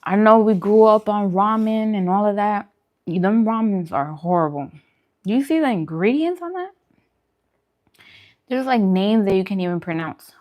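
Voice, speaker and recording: In a muffled recording, a woman with a mid-range, expressive voice talks at a normal speed. She's a vegan food vlogger hosting a mukbang, chatting casually with livestream viewers and answering them. Her food advice is emphatic and opinionated, and she repeats phrases for emphasis.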